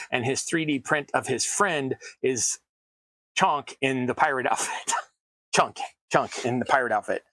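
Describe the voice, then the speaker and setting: While building tabletop terrain, an American man chats casually with his stream audience, rambling and poking fun at himself. His medium-pitched voice is bright and forceful, recorded dry. Cutting sounds from the worktable can be heard behind him.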